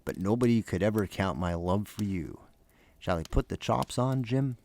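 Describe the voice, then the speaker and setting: A man's voice: lowish voice, expressive, normal speed, darkish tone, a little hiss or hum. A man voicing an anxious, tender young wife, earnest and pleading, in a fireside storytelling reading.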